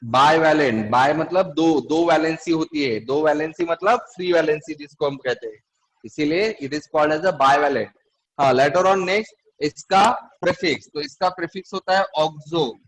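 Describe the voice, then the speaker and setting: A man's voice: a little high, fairly bright tone, poor audio. A man teaching a chemistry class, explaining step by step and quizzing his students. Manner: asks the class questions often. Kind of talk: classroom lecture.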